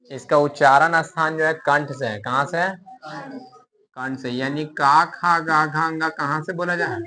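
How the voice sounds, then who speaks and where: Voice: medium pitch, bright, forceful tone. A grammar teacher giving a lesson, sounding out letters one by one and answering their own questions. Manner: repeats syllables and asks questions then answers them.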